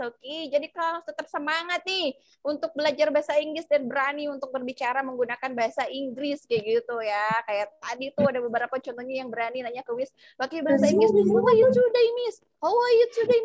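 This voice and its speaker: A young woman with an Indonesian accent teaching children English over a video call, switching between English and Indonesian and spelling out phrases slowly for her pupils. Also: high voice, poor audio. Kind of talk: online English lesson for children.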